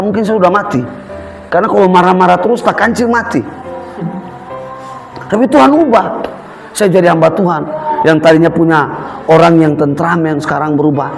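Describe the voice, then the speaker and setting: A man preaching a sermon, telling stories with humor and acting out voices. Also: fairly high pitch. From Eastern Indonesia. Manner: lively, humorous storytelling with mimicked voices. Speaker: pastor.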